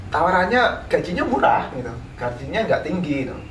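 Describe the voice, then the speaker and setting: East java guy chatting slow about his painting days, lots of uhs, echoey room, mic a bit far. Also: a little high, big pitch swings. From East Java, Indonesia. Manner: unhurried, halting, many fillers. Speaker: interviewed painter. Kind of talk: casual interview storytelling. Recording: roomy, from a distance, faint background noise.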